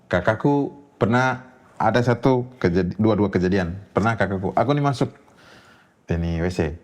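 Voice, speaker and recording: A low-pitched man tells a personal supernatural story in a relaxed interview. He talks in an animated way, and his voice jumps up sharply when he quotes other people. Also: normal speed. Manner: animated, jumps high when quoting others, laughs often. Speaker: guest storyteller.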